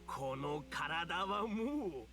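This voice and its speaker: An ancient fox spirit as a gloating game villain, drawing words out with theatrical menace. The voice swoops widely in old-fashioned elderly phrasing, with faint music behind it. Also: male voice, on the high side, expressive, very slow. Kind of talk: video game voice acting.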